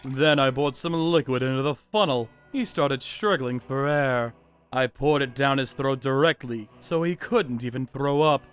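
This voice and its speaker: In a manga dub, a man voices a cold, vengeful vigilante narrating his revenge in first person and acting out dialogue, sounding menacing, mocking, and contemptuous. His medium-pitched voice is a bit bright and measured, lightly acted, with slight background noise.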